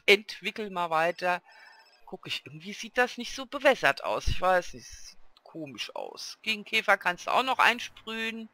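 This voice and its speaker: A man's voice: high voice, pushed and bright, dry recording. A man casually commenting on his own gameplay as a let's play host, chatting to and coaxing the game characters along.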